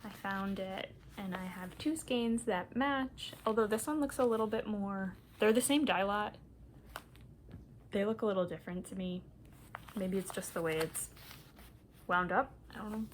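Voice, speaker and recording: A woman from Minnesota hosting a knitting podcast in casual chat, chatty and rambling, often breaking into soft laughs. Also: mid-range voice, normal speed, slight background noise.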